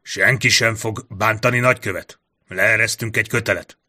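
A man voicing a gruff, blunt old male warrior who speaks bitterly. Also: lowish voice, steady tone, pushed and bright.

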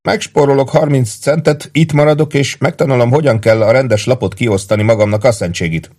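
A man doing a high, cheerful young soldier. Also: a little mellow, lightly acted. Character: cheerful young male soldier, card player.

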